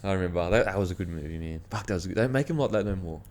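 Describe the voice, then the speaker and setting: Low-voiced Australian man, matey and slangy. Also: lively intonation, racing, a little mellow. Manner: matey, slangy, peppered with 'bro' and 'man'. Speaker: podcast host. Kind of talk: casual chat.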